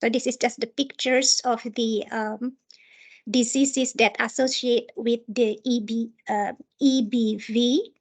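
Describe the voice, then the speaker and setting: A woman with an Indonesian accent giving a training lecture over slides, speaking haltingly as she searches for words. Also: fairly high pitch, steady tone.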